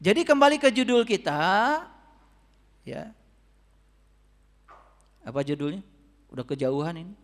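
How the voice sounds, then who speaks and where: High-pitched male preacher, audience-facing sermon, voice ringing in a reverberant hall. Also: big pitch swings, unhurried, long pauses. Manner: addresses audience directly with questions, swings between soft and loud. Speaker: religious teacher. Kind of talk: spiritual sermon to a congregation.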